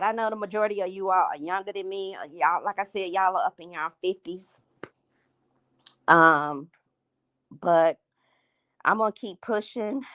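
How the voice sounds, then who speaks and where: This woman in her late fifties, from Gary, Indiana, hosts a livestream and chats casually with viewers, laughing often. She has a Northern Indiana accent and a mid-range voice, recorded dry in studio quality.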